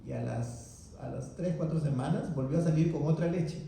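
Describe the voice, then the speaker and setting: A male pastor preaching a sermon, retelling scripture as lively dialogue and acting out the speakers, with frequent asides to the congregation. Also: a little high, normal speed, gravelly. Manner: conversational, asks the congregation "¿no?". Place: church sanctuary. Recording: very echoey church hall, faint background noise.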